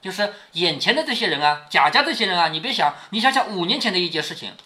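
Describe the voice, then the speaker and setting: A man's voice: high voice, big pitch swings, fast talker, sharp tone. A man reading a classic novel aloud to his daughter, stopping to explain it in a chatty way and often checking that she follows. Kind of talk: read-aloud storytelling with explanations.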